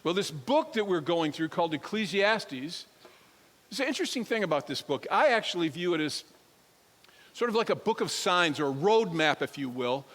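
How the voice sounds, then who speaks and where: A man's voice: high-pitched, moderate pace. Storytelling male pastor in a reverberant church. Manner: storytelling, animated, addresses the crowd directly. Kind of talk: sermon. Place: church sanctuary. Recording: long hall reverb.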